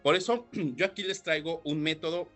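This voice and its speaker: A man hosting a leadership podcast, explaining points with rhetorical questions and frequent throat clearing. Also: a little high, normal speed, a bit bright, soft background music. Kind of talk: solo podcast talk.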